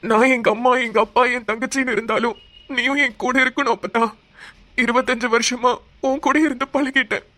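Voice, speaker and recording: A man's voice: very high voice, level tone, fairly quick, pushed and bright. A man voicing a devoted young grandson who reproaches his grandmother emotionally in a cartoon. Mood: reproachful.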